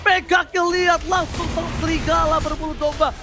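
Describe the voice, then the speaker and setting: A man with an Indonesian accent calling a video game match like an excited fighting game announcer, with dramatic, punchy, repeated hype calls. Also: extremely high pitch, normal speed, music in the background. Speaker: esports shoutcaster.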